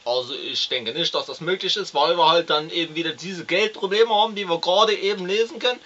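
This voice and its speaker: A man's voice: a little high, a little fast, pushed and bright, highs cut off, pitched above the performer's own voice. A man playing a callous, lazy young unemployed father in a comedy sketch, complaining and stammering. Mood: whining.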